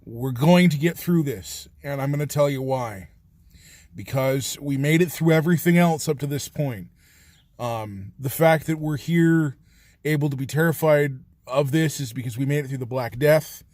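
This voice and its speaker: A man's voice: a little high, normal speed, a little mellow, no echo, studio quality. A man talking earnestly to camera in a casual vlog, rambling and swearing a little as he reassures viewers. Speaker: vlogger.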